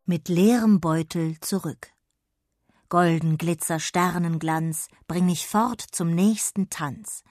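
Calm lady reading a kids bedtime story, low husky voice, super dry close mic. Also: slow pace, no echo. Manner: calm, gentle, expressive. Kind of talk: children's bedtime story narration.

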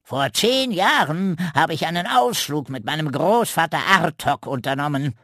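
A man's voice: on the high side, animated, normal speed, pushed and bright, dry recording, clean studio sound, voice pushed up. A man doing a pompous, chatty old raven. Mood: boastful. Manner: pompous and long-winded, snapping when crossed. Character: boastful chatty old male raven, quick-tempered. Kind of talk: storybook reading for children.

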